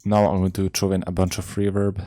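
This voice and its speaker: A man's voice: deep voice, monotone, quick pace, mellow, no room sound, studio quality. A young man, a music producer, casually talking through a tutorial in laid-back slang with many "uh" fillers. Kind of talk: casual screen-recorded tutorial. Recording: faint music underneath. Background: music playing in the session.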